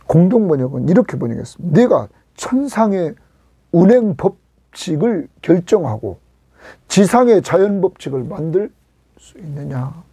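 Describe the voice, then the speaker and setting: A man's voice: fairly high pitch, very animated, normal speed, dark tone, husky, no room sound. A male pastor giving a Korean expository sermon, emphatic, swinging up on questions and sinking to a near whisper at the ends of lines.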